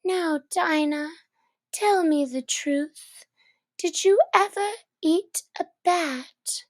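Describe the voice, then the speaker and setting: A woman's voice: very high-pitched, drawn-out words, pitched above the performer's own voice, full character voice. A woman voicing Alice, a curious and dreamy little girl, in a read-aloud storybook with a wondering, earnest manner.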